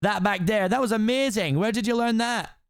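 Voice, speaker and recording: A man voicing an excitable, panicky donkey sidekick who chatters and repeats himself frantically. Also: high voice, brisk, clear, resonant tone, no room sound, clean studio sound, voice pushed up. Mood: amazed.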